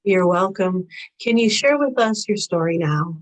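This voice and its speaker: Podcast host, woman, measured and even reading of a scripted intro. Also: on the low side, poor audio. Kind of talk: scripted intro, then interviewing.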